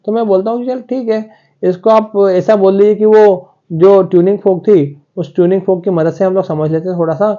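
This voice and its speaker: A man's voice: high voice, highs cut off. A male physics teacher, giving a classroom lecture and talking straight to his students, often voicing their questions himself. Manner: talks to students directly, acting out their questions.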